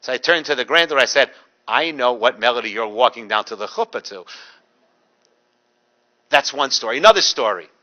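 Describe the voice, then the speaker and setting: Speaking briskly and pausing often, this middle-aged man has a medium-pitched voice captured in lo-fi sound. He's a rabbi delivering a public lecture, spinning dryly humorous anecdotes and animatedly mimicking the voices of the characters.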